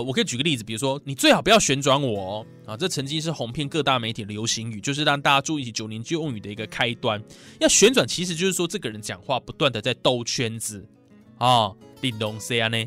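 Taiwanese guy chatting like a host, super lively pitch, bit of guitar music behind him. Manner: animated, exclamatory, asks listeners rhetorical questions. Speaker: host explaining youth slang. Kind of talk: casual chatty list-style commentary. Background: plucked guitar music.

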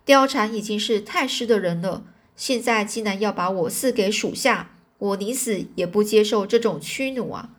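A woman's voice: medium pitch, moderate pace, natural voice. Diaochan, a woman reading a tearful young beauty. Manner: plaintive, tearful pleading. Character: young female palace beauty, pleading and tearful.

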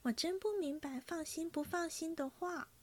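A woman reading aloud and voicing a fragile, sharp-tongued young noblewoman in a soft, lilting, raised voice. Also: extremely high pitch, moderate pace, pitched above the performer's own voice. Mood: puzzled.

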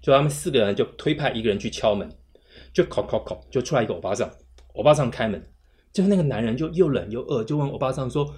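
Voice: mid-range voice, expressive, quick pace, darkish tone. A podcast co-host in casual chat, teasing the others and laughing often while telling jokes.

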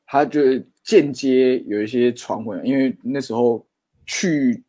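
A man's voice: medium pitch, a little slow, mellow. A man around thirty with a Taiwanese Mandarin accent, joking wryly in casual chat. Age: 30s. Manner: joking, wry banter.

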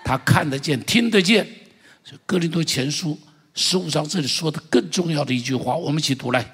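A male pastor with a husky, somewhat high voice delivers an impassioned sermon a little fast. He preaches fervently with loud exclamations and urges the congregation to repeat after him, captured with long church-hall reverb.

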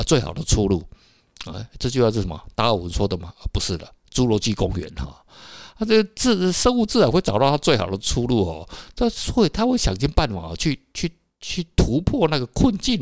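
Rambling Taiwanese man, lively pitch. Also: no echo, studio quality. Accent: Taiwanese Mandarin. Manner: rambling, full of filler particles and tag questions. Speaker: podcast host. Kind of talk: casual solo talk to listeners.

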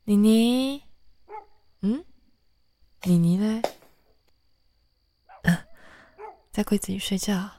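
In a radio drama, a woman voices an earnest, tender bar manager who gets flustered easily, speaking hesitantly in breathy murmurs. Her medium-pitched, mellow voice moves very slowly with frequent pauses, and the recording carries a little hiss or hum.

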